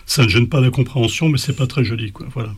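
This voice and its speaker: A man's voice: mid-range voice, fast, husky. A man teaching an informal spoken language lesson, hesitant, with many fillers and restarts.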